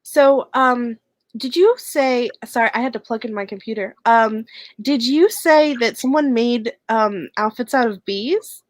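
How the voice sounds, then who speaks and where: A woman's voice: fairly high pitch, unhurried, dry recording. A woman interviewing a guest over a video call, asking questions hesitantly with many fillers.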